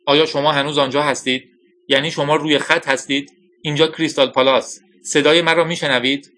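A man's voice: a little high, steady tone, pushed and bright, a little hiss or hum, pitched above the performer's own voice. A man reading the part of an anxious male colonel calling repeatedly over a radio line, with raised, pleading calls.

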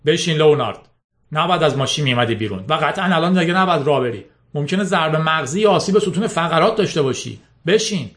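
A man voicing an angry middle-aged father who shouts at another driver after a car crash, in a storybook reading. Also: fairly high pitch, expressive, voice pushed up. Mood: urgent. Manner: commanding, furious.

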